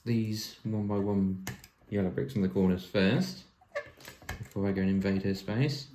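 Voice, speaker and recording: A man's voice: fairly low pitch, moderate pace, background noise. A man hosting a building video, chatting casually, counting pieces aloud and muttering to himself as he works. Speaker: host building vintage toy sets. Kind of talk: casual chat while building. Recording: echoey room.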